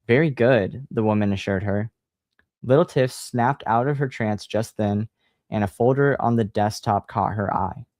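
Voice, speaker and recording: A man's voice: lowish voice, moderate pace, dry recording, clean studio sound. Laid-back man reading a horror book. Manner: relaxed, sighing, laid-back. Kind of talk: casual livestream chat and book reading.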